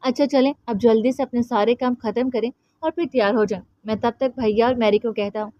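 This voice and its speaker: A woman voicing a doting young uncle who speaks gently and coaxingly to his nephew. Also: a little high, fairly even intonation, fairly quick, dry recording, dull audio, close to an everyday voice. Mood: fond.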